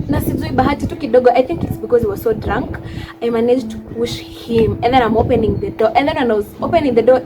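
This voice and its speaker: A young woman with a Kenyan accent telling a personal story on her vlog, emotional and switching into Swahili. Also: fairly high pitch. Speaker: vlogger.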